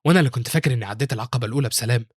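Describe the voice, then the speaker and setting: A man's voice: medium pitch, rapid-fire, breathy edge, no echo, studio quality, natural voice. A man reading a scheming young disciple. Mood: bitter. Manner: sharp-tongued and mocking.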